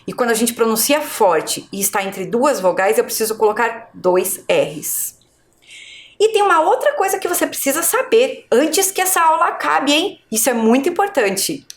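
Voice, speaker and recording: A Brazilian woman teaching a video lesson to young children, with slow, clear, exaggerated pronunciation. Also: on the high side. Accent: Brazilian Portuguese. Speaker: primary school teacher. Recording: echoey room.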